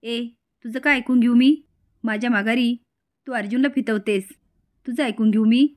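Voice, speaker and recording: A woman's voice: a little high, steady tone, moderate pace, darkish tone, natural voice. A woman doing a jealous scolding fiancée. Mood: furious. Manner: scolding, accusing. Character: jealous young fiancée, sharp and accusing.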